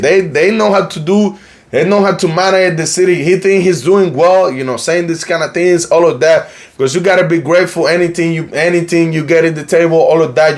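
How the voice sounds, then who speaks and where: A man from Cartagena, Colombia, with a Colombian Spanish accent and a fairly high voice hosts a YouTube news channel. His casual commentary vlog rambles, leaning heavily on "you know, like" and restarting often.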